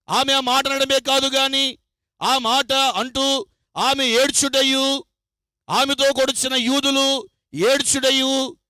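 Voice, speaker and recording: A man's voice: very high-pitched, sharp tone, dry recording. A middle-aged man from India preaching an impassioned sermon, asking rhetorical questions and raising his voice to exclaim. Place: church or revival meeting.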